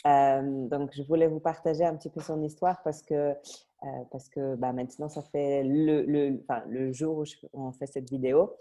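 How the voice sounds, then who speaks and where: A woman's voice: deep voice, fairly even intonation, moderate pace, mellow. A woman fitness coach interviewing a client, hesitant and full of fillers.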